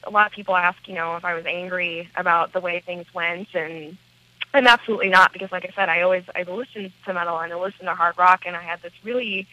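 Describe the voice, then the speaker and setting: An American woman with a smoky, raspy voice, talking casually and candidly as an interview guest, with hesitant phrasing. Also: lowish voice, no room sound, highs cut off. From small town in central Wisconsin, United States. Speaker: rock band lead singer, interview guest.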